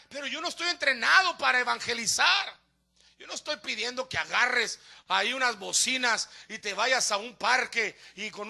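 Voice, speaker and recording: A man's voice: very high voice, gravelly, sharp tone. A man, a pastor preaching a sermon, telling stories and acting out the people he quotes, building to emphatic appeals. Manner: storytelling preacher who acts out the voices of people he quotes.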